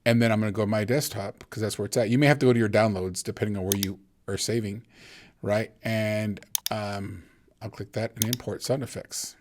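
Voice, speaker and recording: A man's voice: lowish voice, fairly even intonation, fairly quick, a little hiss or hum. A man teaching video editing in a casual, rambling way, thinking aloud and often restarting his sentences. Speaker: instructor. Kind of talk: screen-recorded video editing tutorial.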